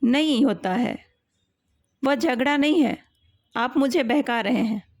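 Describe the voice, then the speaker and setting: A woman's voice: high voice, slow pace, dry recording, studio quality. A woman voicing a young granddaughter who earnestly tells her grandfather about her fears in a storybook tale. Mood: insistent. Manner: earnest, plaintive.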